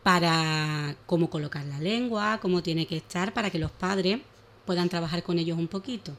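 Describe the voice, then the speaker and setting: Woman, speech therapist, radio guest, explanatory, animated storyteller. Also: on the low side, moderate pace. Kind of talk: radio talk and children's story reading. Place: radio studio.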